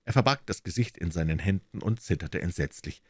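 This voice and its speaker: A man's voice: sits low, fairly quick, no echo, studio quality. A man narrating a classic detective story aloud as an audiobook reader. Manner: steady storytelling, reading a classic crime tale. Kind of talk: scripted narration.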